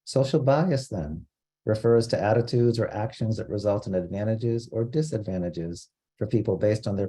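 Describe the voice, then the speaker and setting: A man from Costa Rica giving an online training lecture, explaining terms in a measured way with frequent fillers. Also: deep voice, mellow, slightly rough. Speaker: diversity trainer.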